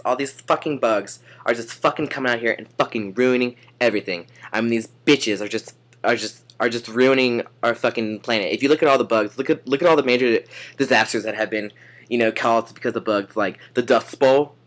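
A man's voice: medium pitch, brisk, a bit bright. Profane ranting young man. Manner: profane, exasperated ranting with stammered restarts. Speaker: comedian vlogger. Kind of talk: satirical rant vlog.

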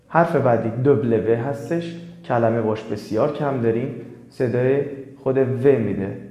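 Persian-speaking man teaching French letters slowly. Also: mid-range voice, mellow, echoey room. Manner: spells letters slowly and repeats example words. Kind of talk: step-by-step alphabet lesson.

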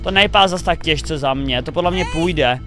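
A young man hosting a reaction video, commenting excitedly, thinking aloud and cheering the players on. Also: fairly high pitch. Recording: faint music behind the voice.

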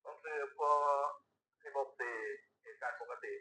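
A man's voice: moderate pace, a bit bright, poor audio. A male police officer making a formal report over a walkie-talkie radio, in clipped, procedural phrasing.

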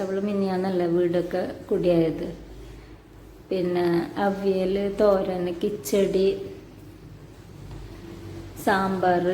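A woman's voice: mid-range voice, mellow. A young woman, a mother, chatting casually to her viewers as she films a home vlog on her phone. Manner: chatty, talks to viewers as "guys". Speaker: vlogger and mother. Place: home and car, indoors. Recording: echoey room with clear background noise.

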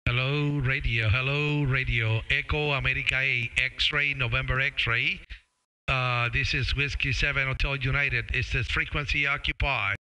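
This middle-aged man has a steady mid-range voice and talks a little slowly over background noise. An amateur radio operator and live streamer, he hesitantly repeats words and call signs during a casual ham contact, speaking close into a boom-arm studio mic with a headset on.

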